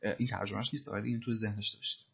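A man teaching English, repeating film lines slowly and then explaining them in Persian. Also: on the low side, flat delivery, vocal fry, husky, lo-fi sound.

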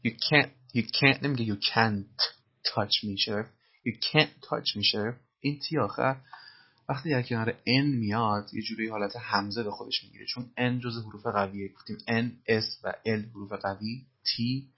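A man explains film lines patiently and methodically as a language teacher. His voice sits low, with a gravelly, husky texture. The recording is a little dull and muffled. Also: fairly even intonation.

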